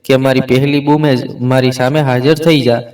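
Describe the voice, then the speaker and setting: A man voicing an angry, domineering young husband who barks orders in harsh, commanding shouts. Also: medium pitch, little pitch movement, normal speed, distant mic, lightly acted.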